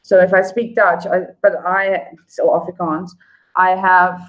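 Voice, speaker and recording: Speaking South African English with a fairly low pitch that barely moves, a woman runs a casual, unscripted livestream and responds to viewer comments, addressing people by name. She goes a little slowly and rambles, with fillers and restarts. The audio quality is poor.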